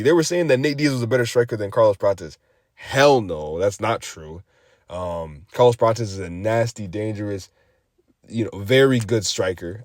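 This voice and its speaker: A young adult man giving a casual, rambling MMA recap, profane and animated with lots of fillers. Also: medium pitch, no echo, studio quality. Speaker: MMA commentator.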